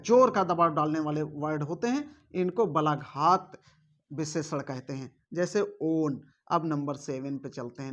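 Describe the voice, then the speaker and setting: Grammar teacher, mid pitch, quizzing listeners, muffled lo-fi audio. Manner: quizzes with rhetorical questions, frequent "theek hai" check-ins; mixes English grammar terms into the explanation. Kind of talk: online grammar class.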